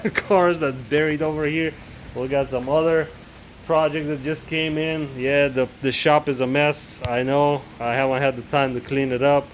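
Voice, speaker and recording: A man's voice: fairly high pitch, a little hiss or hum. A man vlogging casually from his cluttered indoor shop, rambling through costs with many restarts and fillers. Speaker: mower repair vlogger. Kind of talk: casual workshop vlog.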